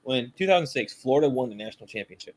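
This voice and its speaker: A young southern man with a Southern US accent hosts a laid-back podcast, swearing freely and stressing his points hard. His voice is somewhat husky, set in a middle pitch, and he stumbles over repeated words when he gets fired up. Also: expressive, very fast. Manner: profane, emphatic, stammering restarts. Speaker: podcast host. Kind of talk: casual chat.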